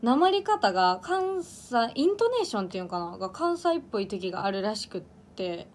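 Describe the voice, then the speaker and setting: A woman's voice: medium pitch, sing-song, brisk, slight background noise. Young female idol livestreamer, Iyo dialect, loose chatty delivery, frequent laughs and restarts. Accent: Iyo dialect of Ehime, Japan. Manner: chatty, laughs often, stumbles and restarts words. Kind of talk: casual livestream chat reading comments.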